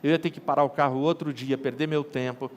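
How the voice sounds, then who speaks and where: A man's voice: mid-range voice, steady tone, fast. A man, a pastor preaching an online sermon in a colloquial way and acting out the dialogue in his stories.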